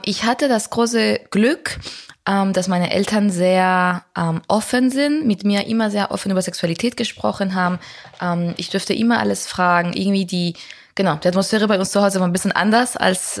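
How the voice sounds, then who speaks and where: A woman's voice: medium pitch, vocal fry. A young woman from Spain, speaking German in a candid interview, reflective and full of fillers and restarts. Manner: reflective, many fillers and restarts, laughs often. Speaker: guest.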